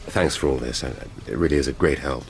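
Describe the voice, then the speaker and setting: Very deep-voiced, wry English police inspector. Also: male voice, fast talker, slight background noise. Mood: dry, brusque. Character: male police inspector in hospital, wry, pedantic, distracted, flirtatious. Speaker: actor in a radio drama. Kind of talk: radio drama acting.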